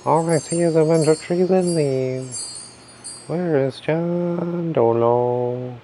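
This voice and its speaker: A man putting on the voice of a puzzled onlooker hunting for someone who has vanished, raising his voice high in mock bewilderment. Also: slow, warm tone, a little hiss or hum.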